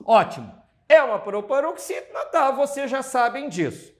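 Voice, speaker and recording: Lively Brazilian man teaching grammar. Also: very high-pitched, moderate pace. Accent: Brazilian Portuguese. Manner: lively, emphatic, addresses students as "gente". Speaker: Portuguese language teacher. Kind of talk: exam-prep lecture.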